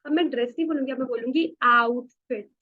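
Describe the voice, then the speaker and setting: A woman teacher with an Indian accent giving a beginners' spoken English lecture in a classroom, explaining slowly and repeating words back to the class. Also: a little high, narrow, tinny audio. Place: classroom with a blackboard.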